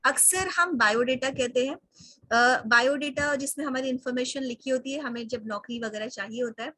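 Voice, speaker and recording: A woman with a high, bright voice teaches an online English lesson. She spells words out slowly, says them again and again, and mixes English into her explanations. The sound is dry and close, from a computer mic on a video call. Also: no room sound. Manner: slow careful spelling-out and repeating of words.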